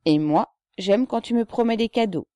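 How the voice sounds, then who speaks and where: A woman voicing a cheerful, joking young man in an audiobook, speaking in a lively, teasing way. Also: mid-range voice, normal speed, dry recording, clean studio sound, voice pushed up, natural voice. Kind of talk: audiobook character voice.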